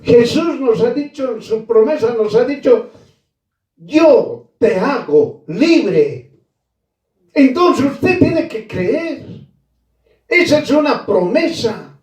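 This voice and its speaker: Slow, emphatic preacher, echoey and distant. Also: male voice, very high voice, lively intonation, darkish tone. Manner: slow emphatic preaching, repeating key phrases; addresses listeners as brother. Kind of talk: sermon.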